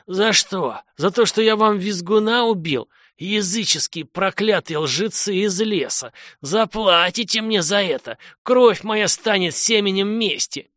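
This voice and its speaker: A man voicing a hoarse, raging doomed lord. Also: sits high, very animated, takes it slowly, bright, forceful tone, dry recording, clean studio sound, pitched above the performer's own voice, full character voice. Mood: furious. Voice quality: hoarse snarl. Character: condemned male lord, raging and cursing.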